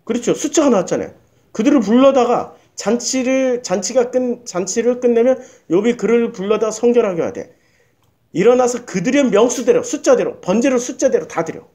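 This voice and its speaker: A man's voice: very high voice, animated, normal speed, mellow. A male pastor giving a sermon in a church, hammering home points with repeated rhetorical questions to the congregation.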